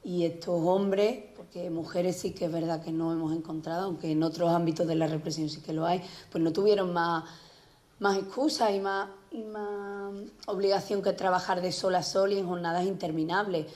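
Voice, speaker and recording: A woman journalist giving a conference talk, speaking with many pauses and restarts. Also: on the low side, fairly even intonation, darkish tone. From Spain. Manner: hesitant, many restarts and fillers. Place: public conference hall.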